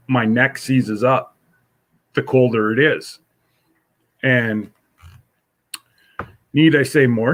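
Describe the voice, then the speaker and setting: Middle-aged male host, congested, drawling and rambling, medium pitch; casual chat to viewers. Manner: slow, rambling, with many fillers. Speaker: livestream host. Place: home.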